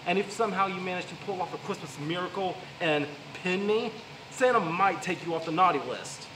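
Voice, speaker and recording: A man's voice: high-pitched, brisk. A young American man delivering a theatrical wrestling promo full of cocky trash talk. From the Carolinas, United States. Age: young adult. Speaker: wrestler persona cutting a promo. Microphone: handheld microphone, filmed by camera. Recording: roomy, distant, clearly noisy sound.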